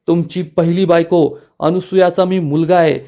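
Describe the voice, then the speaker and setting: Guy reading as an angry young heir, mellow voice, plain read. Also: on the high side, steady tone, normal speed, lightly acted. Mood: angry, threatening. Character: angry young man claiming his inheritance.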